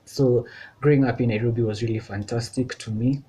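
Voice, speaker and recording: A man's voice: mid-range voice, fairly even intonation, a little fast, noisy background. A young man from Kenya talking casually on his vlog, loose and chatty with lots of filler words. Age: young adult. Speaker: vlogger. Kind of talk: casual chat.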